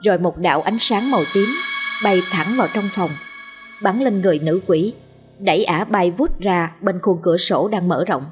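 A woman storyteller reading a horror tale in a steady, dramatic narrating voice. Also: on the low side, normal speed, music in the background.

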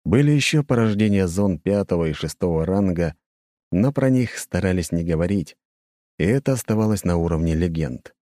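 Deep, dark-voiced male audiobook narrator. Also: no room sound, clean studio sound. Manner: even, measured storytelling.

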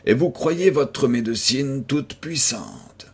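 A sickly, brooding young recluse, voiced by a man reading aloud, weary and bitterly ironic. The voice is husky and unhurried, each phrase dragged out slowly. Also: mid-range voice, lively intonation, exaggerated voice. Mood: feverish, bitter. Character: feverish, melancholic young male recluse, bitter.

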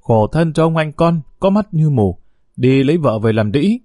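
An outspoken young woman from an audio story, indignant and blunt, as a man puts her on. Her pitch rides well above his own voice, with a dark, mellow tone and a dry, close sound. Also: lively intonation, normal speed, dry recording, natural voice. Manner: outspoken, heated.

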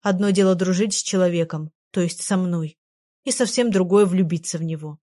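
A woman narrating a children's storybook in the first person with an even storytelling delivery. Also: on the low side, fairly quick. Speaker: audiobook narrator.

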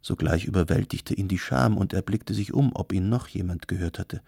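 Man, audiobook narrator, low, husky, dry close sound. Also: moderate pace, mellow, dry recording. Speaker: audiobook reader. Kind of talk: scripted narration.

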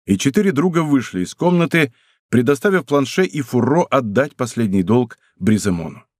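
A man narrating an audiobook in a measured, expressive reading from a studio. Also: medium pitch, no echo. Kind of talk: scripted narration.

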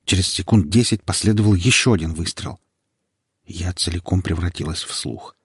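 A man narrating a first-person audiobook in a steady, dramatic storytelling manner. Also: sits low, normal speed, breathy edge, no echo, studio quality. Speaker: audiobook reader.

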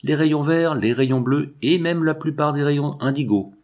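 A man's voice: on the high side, measured pace, a little mellow, pitched above the performer's own voice. A man reading aloud, voicing an earnest young male scientist in a storybook. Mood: calm.

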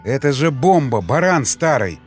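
A man voicing a tough, impatient young male survivor who gives sharp orders. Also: mid-range voice, sing-song, normal speed, slightly rough, soft background music. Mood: urgent, brusque. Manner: brusque, commanding.

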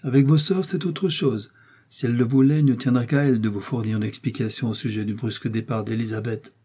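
A man's voice: medium pitch, fairly even intonation, brisk, dark tone, husky, close to an everyday voice. A man reading aloud and voicing an older, kindly aunt who speaks firmly and earnestly. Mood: indignant. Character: kind elderly aunt, protective.

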